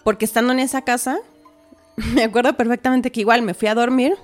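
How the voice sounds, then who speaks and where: A woman's voice: a little high, a little fast, soft background music. A woman, a podcast guest telling a personal story in casual talk, acting out what others said. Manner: animated, acts out quoted dialogue.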